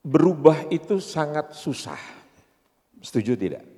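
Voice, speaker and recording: A man's voice: on the high side, very animated, measured pace, warm tone. Joking man in his sixties preaching. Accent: Indonesian. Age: 60s. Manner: joking, teasing the audience with rhetorical questions. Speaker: pastor. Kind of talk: seminar sermon. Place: church seminar hall. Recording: long hall reverb.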